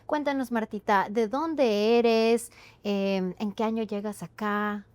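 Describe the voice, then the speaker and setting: A woman's voice: mid-range voice, fairly even intonation, slow pace, clean tone, dry recording. Upbeat woman host, dry close sound. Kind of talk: interview hosting.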